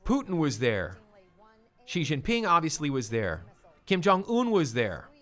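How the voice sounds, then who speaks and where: A man's voice: fairly high pitch, wildly swooping pitch, a little slow, fairly bright tone, soft background music. A man hosting his own opinion show, delivering emphatic, indignant commentary with punchy repetition. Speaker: show host.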